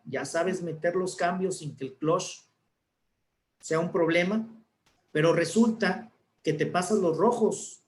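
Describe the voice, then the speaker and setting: A man, an announcer, explaining speaking techniques in a relaxed talk and demonstrating intonations. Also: high voice, roomy sound. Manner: didactic, demonstrates intonations with examples. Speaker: guest speaker, announcer and communicator.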